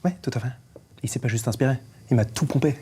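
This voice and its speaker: A man's voice: medium pitch, fast, mellow, slightly rough. Man in a mock-serious comic interview. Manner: earnest, mock-serious and rambling. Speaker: guest playing a real-estate agent character. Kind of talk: mock interview comedy sketch.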